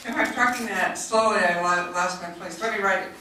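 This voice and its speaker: Bright-voiced woman in an echoey hall. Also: medium pitch, slight background noise. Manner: spells out slowly, self-correcting. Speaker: charter commissioner. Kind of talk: public meeting remarks. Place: public meeting room. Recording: echoey hall, distant mic.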